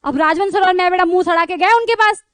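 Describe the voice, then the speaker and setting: A woman teacher with a very high voice tells her class a funny story. She is chatty and lively, checks in with the students again and again, and laughs along the way. Her voice sounds dry and close, with no room echo. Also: fast. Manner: animated, chatty, keeps calling the students "beta" and checking with "theek hai"; breaks into laughter while telling the story. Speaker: online teacher.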